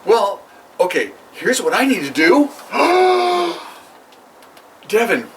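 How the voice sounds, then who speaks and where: Man, podcast co-host, casual joking chat, lively swooping pitch, distant noisy recording. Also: slow. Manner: joking, laughs often. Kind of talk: casual chat over drinks. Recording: distant mic with noisy background and clicks.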